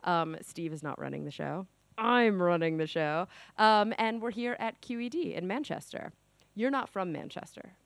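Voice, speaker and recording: A woman's voice: fairly low pitch, animated, gravelly, no room sound. Upbeat woman podcast host, dry sound. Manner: brisk and upbeat, quick asides. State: a bit under the weather. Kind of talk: podcast intro and interview. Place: at a conference venue.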